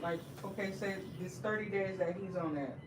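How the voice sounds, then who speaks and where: A woman's voice: mid-range voice, normal speed. A woman talking casually as a patient's relative, asking plain questions. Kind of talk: casual conversation. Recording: echoey, distant, noisy room recording.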